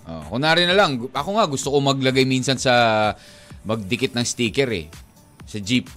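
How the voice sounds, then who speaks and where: A man's voice: medium pitch, expressive, moderate pace, a bit bright, soft background music. A male Filipino radio DJ bantering casually with his co-host, teasing and laughing often, mixing Tagalog and English.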